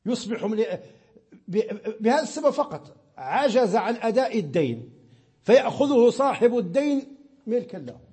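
A man's voice: very high voice, sing-song, normal speed, long pauses, dark tone, slightly rough. A Moroccan man giving a religious lesson on Islamic law, explaining patiently and repeating words as he searches for them. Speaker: sheikh teaching Islamic law.

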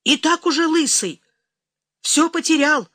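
Woman doing cowardly drunk male officer, shrill, whining, panicky, bright. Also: big pitch swings, measured pace, dry recording, studio quality, full character voice. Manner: shrill, whining, higher and louder than narration.

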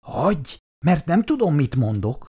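A woman's voice: wildly swooping pitch, mellow. A reader voicing an irritable young wife and mother who complains shrilly and reproachfully in a dramatized reading of a 1960s family story. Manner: shrill, reproachful, hysterical outbursts.

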